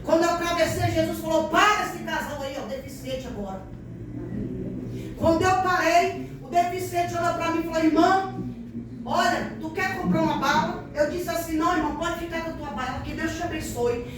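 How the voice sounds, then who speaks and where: A woman's voice: extremely high pitch, normal speed. A woman pastor preaching an emphatic, fervent sermon with testimony in a church. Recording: echoey church hall from far off, noisy.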